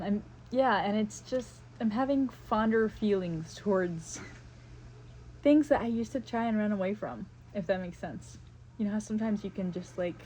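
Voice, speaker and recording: Her voice is mid-range with a darkish tone, captured in a rough recording with slight background noise. She's a South Carolina vlogger in her thirties with a faint Southern accent, musing casually with lots of fillers as she paints in her Maui home.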